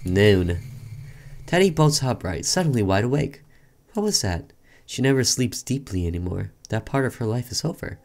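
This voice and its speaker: Speaking at a normal speed, a man with an expressive, somewhat mellow mid-range voice narrates a let's-play. He's a gaming host voicing the game's narration and casually responding to it as he goes.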